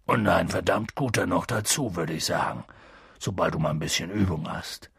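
A narrator voicing a hot-tempered giant male groundskeeper in an audiobook, gruff and booming in his outbursts. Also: normal speed, a bit bright, no room sound, clean studio sound, heavily acted. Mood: gentle. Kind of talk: audiobook reading.

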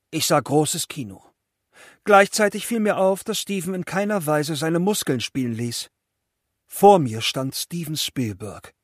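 A man reading an audiobook, telling his story in a lively, self-mocking way on a close studio mic. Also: on the high side, no echo. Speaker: audiobook narrator. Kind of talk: scripted audiobook narration.

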